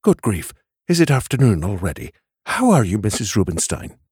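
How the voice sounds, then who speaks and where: A man voicing a courteous young shopkeeper who speaks politely and warmly. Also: lowish voice, big pitch swings, moderate pace, slightly rough, dry recording, clean studio sound, full character voice. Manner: polite, friendly.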